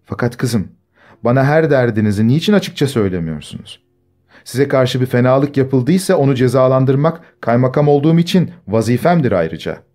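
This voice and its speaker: A man's voice: medium pitch, lively intonation, normal speed, a little mellow, lightly acted. A man reading the part of a polite district governor who asks earnest, courteous questions.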